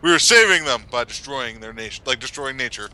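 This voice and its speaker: A man's voice: mid-range voice, lively intonation, fairly quick, pushed and bright. A man co-hosting a let's play, chatting casually and laughing often as he plays. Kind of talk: casual gameplay chat.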